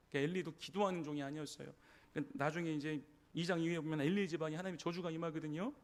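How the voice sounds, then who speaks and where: Here a male pastor whose voice runs high gives a Sunday morning sermon inside his church sanctuary, narrating scripture stories vividly. He takes on the voices of the people he quotes and often asks the congregation a fast "예?" to confirm they're following.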